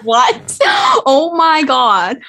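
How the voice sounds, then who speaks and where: A woman's voice: sits high, wildly swooping pitch, very slow, pushed and bright. A woman co-hosting a comedy podcast in casual banter, with a crude, joking, foul-mouthed manner. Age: young adult to middle-aged, mother of young children. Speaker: podcast co-host.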